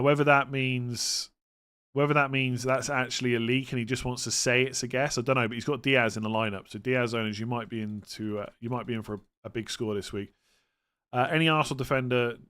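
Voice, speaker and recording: A man's voice: mid-range voice, a bit bright, smooth. A man with a West Country English accent chatting informally on a livestream, reading out questions and answering them in a matter-of-fact way. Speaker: fantasy football livestream host. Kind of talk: casual livestream chat answering viewer questions.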